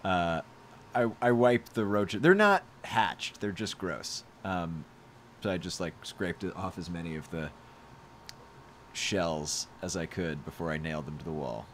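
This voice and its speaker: A young man with a lowish voice rambles through a casual fan Q&A, full of ums, laughs and animated asides. Faint noise hums behind him on a home livestream mic. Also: a little slow. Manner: rambling, lots of fillers and laughs, animated storytelling. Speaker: podcast creator hosting a live Q&A. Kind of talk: casual live chat with fans.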